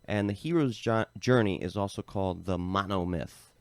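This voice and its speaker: Here a gravelly, low-voiced American man co-hosts a podcast at a moderate pace, recorded dry. His relaxed explanation of a topic is packed with "um" and "like."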